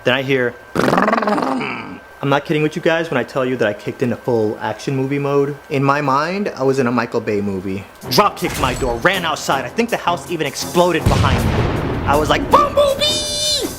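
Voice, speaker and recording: A man telling comedic stories in an animated, exaggerated way, speaking straight to the viewers. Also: medium pitch, fairly quick, music in the background. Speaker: comedian storyteller. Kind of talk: comedic storytelling monologue.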